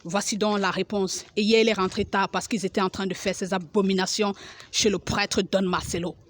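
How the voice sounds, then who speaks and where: A woman gives an emotional religious testimony, dramatic and repetitive, crying out as she relives and acts out the scenes. She speaks fairly quickly in a medium-pitched, steady voice.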